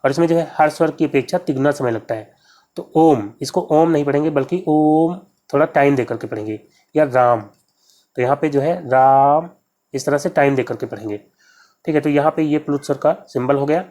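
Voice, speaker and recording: A man's voice: a little high, dark tone. A man teaching exam-prep grammar, working through practice questions one by one and repeating key terms as he explains. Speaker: Hindi exam tutor.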